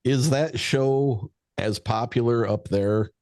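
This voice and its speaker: A man's voice: mid-range voice, slow pace, darkish tone, no room sound. A man chatting casually as a panelist on a podcast. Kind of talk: casual chat.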